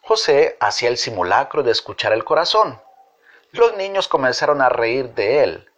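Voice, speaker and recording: A man reading a Bible story for children in a slow, expressive, sing-song way. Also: mid-range voice. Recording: dull lo-fi recording.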